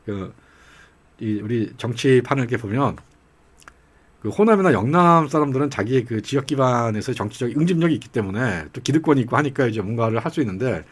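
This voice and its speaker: A man's voice: medium pitch, animated, a little fast, husky. Rambling middle-aged male political commentator. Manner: rambling anecdotal storytelling with chuckles; acts out regional dialect quotes. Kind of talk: casual political talk.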